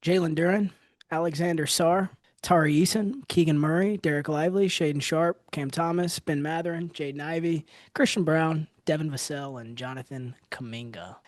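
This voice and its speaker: Young man, sports podcast host, slightly higher voice, dry close sound, brisk lists. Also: no echo. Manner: runs segments, quick lists of names. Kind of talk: casual sports debate.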